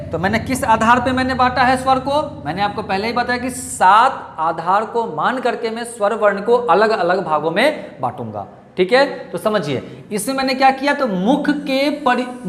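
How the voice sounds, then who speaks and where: A man's voice: very high voice, fairly bright tone, roomy sound, a little hiss or hum. A male teacher with a Bihari Hindi accent giving a grammar lesson, asking questions and answering them himself and coaxing his students. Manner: repetitive, asks and answers own questions; coaxing, calls students dear children.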